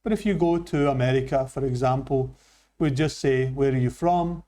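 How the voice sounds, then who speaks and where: A man from Scotland with a Scottish accent, teaching an English lesson with slow, careful delivery. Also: mid-range voice, mellow. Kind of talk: classroom lesson.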